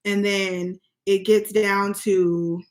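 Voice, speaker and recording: A woman's voice: medium pitch, flat delivery, drawn-out words. American woman chatting candidly. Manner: candid, informal, swearing freely. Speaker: vlog co-host. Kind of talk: casual opinionated chat.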